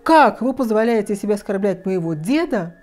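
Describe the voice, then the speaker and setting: A woman voicing a pompous, touchy old gentleman who blusters in outrage, in a storybook reading. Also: medium pitch, expressive, moderate pace, soft background music, close to an everyday voice. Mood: outraged.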